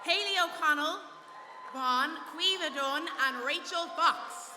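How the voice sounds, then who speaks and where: A woman presenting awards, reading out nominees with a clear announcing delivery. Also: sits high, slow, a crowd in the background, noisy background.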